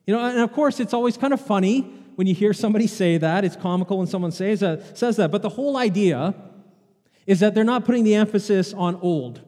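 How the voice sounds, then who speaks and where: A mellow, high-sitting male voice belongs to a pastor delivering a sermon, chatting with his congregation and posing rhetorical questions. He's in a church sanctuary, and the recording carries the long hall reverb of the church.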